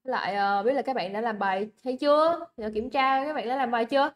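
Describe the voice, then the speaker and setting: A woman's voice: a little high, fast talker. Chatty Vietnamese woman teaching English live. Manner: chatty, coaxing, repeats words for emphasis and checks on students. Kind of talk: livestream exam review lesson.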